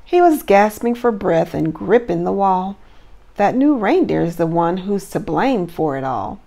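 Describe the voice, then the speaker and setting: A woman's voice: medium pitch, big pitch swings, unhurried, vocal fry, dark tone, exaggerated voice. A woman voicing a flustered, worried old Santa Claus in a children's storybook, complaining and pleading dramatically. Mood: worried, upset. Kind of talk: children's storybook read-aloud.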